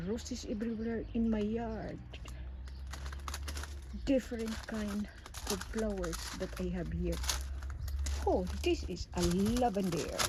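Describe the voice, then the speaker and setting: A woman who speaks English as a second language, chatting casually and exclaiming in wonder as she shows her garden outdoors. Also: medium pitch. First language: not English. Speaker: gardening vlogger. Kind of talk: casual vlog narration while walking through a garden. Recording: noisy outdoor ambience, birds, traffic.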